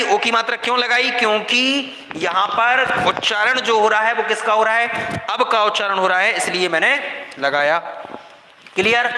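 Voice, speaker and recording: A man's voice: very high-pitched, pushed and bright, slight background noise. A man teaching a recorded grammar lesson, repeating points and quizzing his students with questions. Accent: Hindi-speaking India. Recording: echoey room with long reverb.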